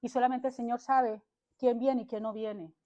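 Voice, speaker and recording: A high-pitched woman preaching with fervor, exhorting her listeners and driving each point home. She punctuates nearly every thought with "amén", and her delivery is that of a passionate sermon streamed to an online congregation. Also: fairly even intonation, normal speed, mellow, muffled recording. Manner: emphatic, punctuates phrases with "amén". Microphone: livestreamed to social media.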